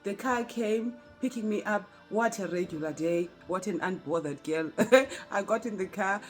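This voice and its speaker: A woman's voice: mid-range voice, normal speed, faint music behind. Chatty South African woman telling a story. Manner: chatty, talks straight to viewers with frequent laughs. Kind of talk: casual storytime vlog.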